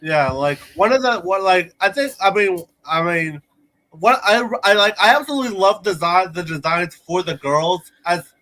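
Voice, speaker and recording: A man's voice: high-pitched, lively intonation, normal speed, pushed and bright, rough recording. A man co-hosting a casual cartoon podcast, who stumbles over filler words. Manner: hesitant, repeats filler words. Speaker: podcast co-host.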